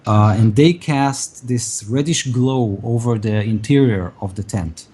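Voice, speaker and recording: A man narrating a tabletop game as game master, improvising descriptions in a halting way. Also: medium pitch, mellow, breathy edge.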